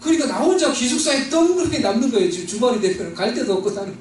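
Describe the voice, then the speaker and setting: A man's voice: very high voice, very animated, rapid-fire, a little mellow. Male preacher from Seoul, earnest testimony; distant mic in a roomy hall, faint background hum. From Seoul, South Korea. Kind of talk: sermon testimony.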